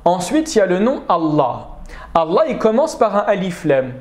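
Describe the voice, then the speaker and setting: A man with a high-sitting voice teaches an Arabic grammar class online at a normal pace, the sound a bit roomy. He's animated and patient, often pausing to ask "d'accord?" to make sure his students are following.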